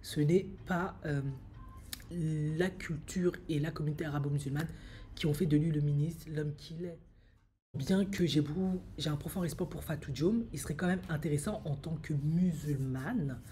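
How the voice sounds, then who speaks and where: Low, mellow-voiced woman vlogging her opinions. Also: normal speed, slight background noise. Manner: frequent hesitations, emphatic and opinionated. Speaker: psycho-emotional coach and vlogger. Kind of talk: opinion monologue to camera. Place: small indoor room.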